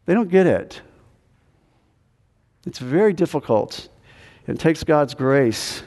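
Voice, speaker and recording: A man preaches a sermon in a relaxed, chatty way, mixing humor with rhetorical questions. His voice sits a bit high for a man but sounds mellow and dark. Long reverb from the hall trails behind his words. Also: slow pace. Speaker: pastor.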